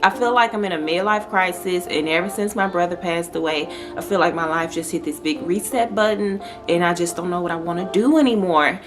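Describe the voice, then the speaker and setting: A woman's voice: fairly low pitch, brisk, few pauses. Woman, 30s, casual talk to camera, rambling with fillers, music playing behind. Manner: talkative, conversational, with frequent fillers and restarts. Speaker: vlogger. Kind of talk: casual sit-down chat.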